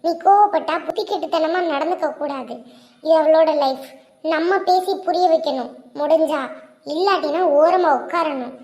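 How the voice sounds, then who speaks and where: A gentle, high-voiced cartoon sister-in-law who speaks softly and patiently and coaxes the others to calm down, voiced by a woman. She is measured and soothing. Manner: soft, soothing, slow.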